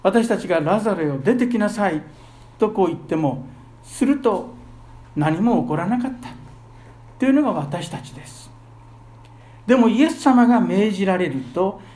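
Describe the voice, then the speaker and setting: A man preaching a sermon as pastor, earnest, with his voice swelling loudly on key phrases. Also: sits high.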